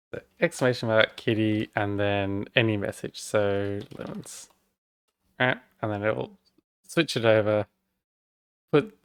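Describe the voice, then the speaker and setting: Aussie guy streaming, kinda low voice, dry close sound, rambles and pokes fun at himself. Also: a bit bright, clear, resonant tone, no echo. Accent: Australian. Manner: rambling, self-deprecating, talks while working. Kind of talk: casual live-stream tech walkthrough.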